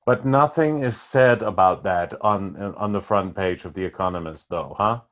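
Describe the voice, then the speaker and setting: A man's voice: on the low side, normal speed, fairly bright tone. A male host asking long, winding interview questions, restarting often.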